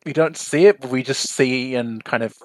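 Man excitedly recounting a movie scene, dry sound. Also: medium pitch, normal speed, no echo. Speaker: podcast guest. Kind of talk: casual podcast chat.

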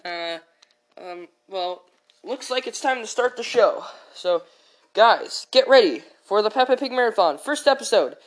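A woman's voice: medium pitch, expressive, a little slow, lightly acted. A woman voicing a little boy pig who hosts the show, chatty and hesitant. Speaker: host.

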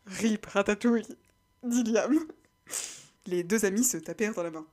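A woman's voice: mid-range voice, normal speed, noisy background. A woman reading a story aloud as narrator. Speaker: reader.

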